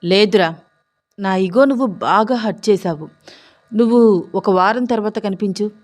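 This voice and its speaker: A woman's voice: mid-range voice, moderate pace, close to an everyday voice. A woman voicing a rude, drunk, corrupt male head constable who bullies and mocks. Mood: angry. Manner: bullying, mocking, shouting.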